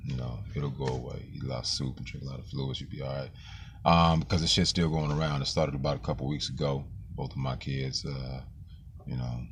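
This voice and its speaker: Man, very deep, gravelly, flu-roughened voice, slangy casual monologue, faint noise behind. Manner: loose, street-slang talk with frequent fillers and swearing. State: voice deepened by flu. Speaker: vlogger.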